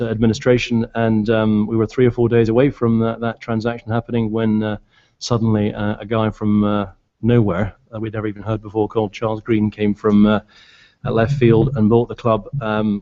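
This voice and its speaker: A middle-aged man from Glasgow with an anglicised British accent, giving a halting, unscripted speech at a public meeting. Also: fairly low pitch, mellow. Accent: British, anglicised by years in southern England. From Glasgow, Scotland. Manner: halting, hesitant. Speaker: board candidate addressing fans. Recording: dull, lo-fi meeting recording.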